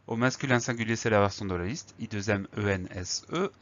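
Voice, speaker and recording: A male teacher giving a spelling lesson, calmly explaining each word and spelling it out letter by letter. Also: on the low side, fairly quick. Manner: patient, spells words letter by letter. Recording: slightly dull lo-fi recording.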